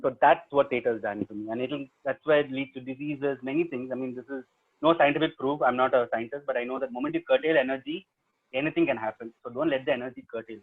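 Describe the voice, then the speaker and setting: A man's voice: medium pitch, fast talker. A man with a South Indian English accent answering questions as a storyteller, plain-spoken and given to short emphatic statements. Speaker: storyteller and stage performer. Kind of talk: webinar question-and-answer talk. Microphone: video call. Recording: narrow, phone-like online call audio.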